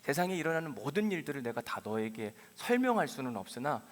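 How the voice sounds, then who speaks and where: A man voicing God as a patient, fatherly old male figure, speaking low and gently. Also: big pitch swings, quick pace, close to an everyday voice. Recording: reverberant church hall.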